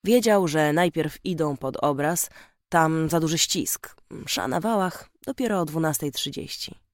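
Audiobook narrator, calm measured delivery, dry close read. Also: medium pitch, no echo. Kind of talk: scripted narration.

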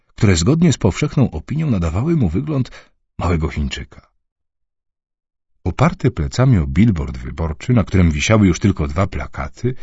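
Male audiobook narrator, very deep and husky, lively reading, dry and muffled sound. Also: no echo. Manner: measured, expressive reading. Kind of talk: scripted narration. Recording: dull muffled recording.

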